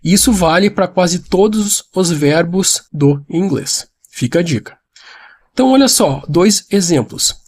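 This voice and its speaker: A man gives an online English lesson. His voice sits high but sounds soft and mellow, with no edge to it. He explains patiently, repeating each point and addressing the viewer directly. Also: animated, a little slow, breathy edge. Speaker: English teacher.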